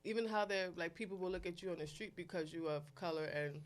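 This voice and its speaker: A woman's voice: fairly low pitch, fast talker. A woman talking bluntly and animatedly as a guest on a casual podcast. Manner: blunt, streetwise, animated storyteller. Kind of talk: casual chat.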